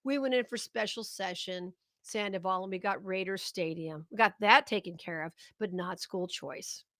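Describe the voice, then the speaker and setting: A woman's voice: mid-range voice, normal speed, fairly bright tone, no echo, studio quality. A middle-aged woman hosting a live political commentary show, talking straight to her viewers with indignant, sarcastic outrage.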